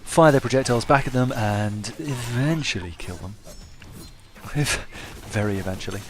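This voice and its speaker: This gameplay commentator speaks a bit slowly at a medium pitch, keeping things casual and joking wryly at his own expense. Faint background noise runs underneath.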